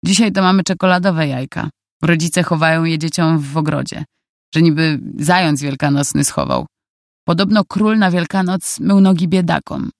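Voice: mid-range voice, animated, moderate pace, vocal fry, dry recording, clean studio sound. The audiobook reader voicing a brash, smug young man who talks with mocking swagger. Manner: boastful, mocking.

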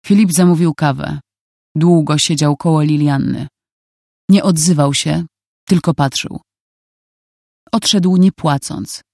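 A narrator reading a novel aloud in calm, even scripted narration. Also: medium pitch, takes it slowly, vocal fry, long pauses, no echo, studio quality.

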